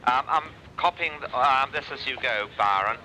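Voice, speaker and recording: A man with a mid-range, sharp-toned voice speaks at a normal pace over a noisy space radio link. Directing an experiment from the ground, he gives instructions politely but with some hesitation.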